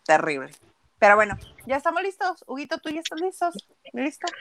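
Woman, kinda high voice, playful storyteller on a live chat. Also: very animated, a little fast, crowd noise. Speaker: co-host of a live watch-along.

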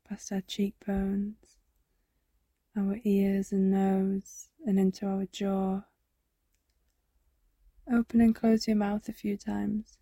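A woman guiding a body scan meditation, speaking softly and soothingly, often slipping into a whisper. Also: mid-range voice, dry recording. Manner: slow, soft, soothing, drifting into whispers. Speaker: meditation guide.

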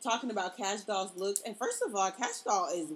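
A woman's voice: medium pitch, brisk. A woman hosting a podcast in a casual, chatty style. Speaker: podcast host. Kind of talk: casual chat.

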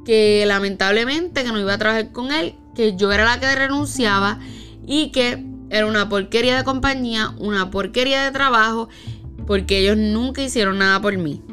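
A woman's voice: fairly high pitch, moderate pace, soft background music. A woman telling a personal story in casual chat, acting out the lines of the people she quotes. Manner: animated, acts out quoted dialogue.

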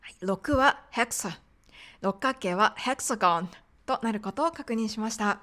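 A woman's voice: medium pitch, moderate pace, fairly bright tone. A woman teaching medical English pronunciation in a polite, explanatory podcast lesson.

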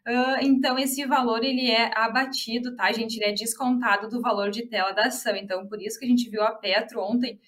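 A woman with a Rio Grande do Sul accent walks viewers through a stock chart on a live stream. Her voice sits a little high, and she keeps the talk chatty, turning to the audience again and again. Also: fairly even intonation, fairly quick, hardly any pauses, a bit bright. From Rio Grande do Sul, Brazil. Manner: chatty, addresses viewers as "gente". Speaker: chart analyst. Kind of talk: live market commentary.

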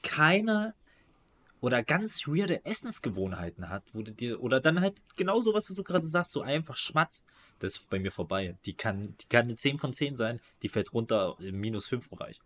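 A man in a relaxed podcast chat, ranting with emphasis and street slang, stumbling and restarting as he goes. His voice sits at an ordinary middle pitch for a man. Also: normal speed. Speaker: podcast co-host. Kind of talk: casual chat.

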